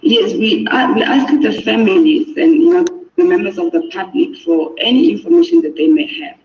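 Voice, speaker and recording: A woman's voice: high voice, sing-song, normal speed, creaky. A woman guest in a radio interview, speaking hesitantly with many fillers, heard through a rattling blown speaker. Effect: played through a rattling blown speaker. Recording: distant lo-fi speaker playback.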